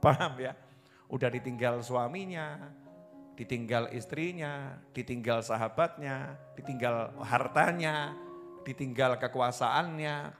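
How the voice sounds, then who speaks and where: A man preaching a humorous sermon to a live gathering, animated and rising to loud emphatic peaks. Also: medium pitch. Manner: animated, rises to loud emphatic peaks, playful asides to audience.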